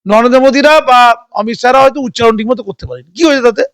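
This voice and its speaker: High-pitched, combative man. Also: rapid-fire, no room sound. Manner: combative, sarcastic, rhetorical questions. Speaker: political interviewee. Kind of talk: heated political commentary.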